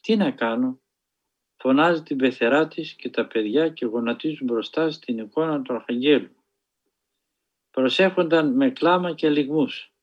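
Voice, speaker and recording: A man telling a spiritual story in a sermon style, earnest and measured, with dramatic pauses. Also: medium pitch, highs cut off. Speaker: preacher.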